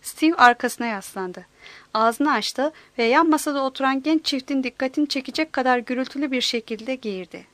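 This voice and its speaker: A woman reads a novel aloud with a high, clear voice and a steady, measured pace. The recording is dry and close, with no room sound. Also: no room sound. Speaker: narrator. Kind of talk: audiobook narration.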